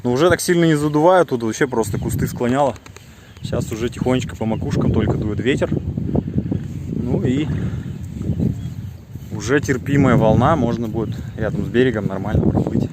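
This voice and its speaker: A man's voice: mid-range voice, brisk, pauses often. Man vlogging outdoors, heavy wind noise on mic. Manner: informal, slangy. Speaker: vlogger on a fishing trip. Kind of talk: casual outdoor vlog commentary. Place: outdoors on the water in a small boat.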